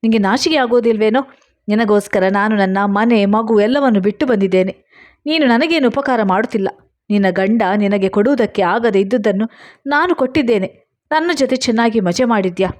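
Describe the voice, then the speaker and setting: A woman's voice: on the high side, fairly quick, close to an everyday voice. A woman reading as a distraught young wife. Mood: heated, defiant. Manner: pleading, emotional.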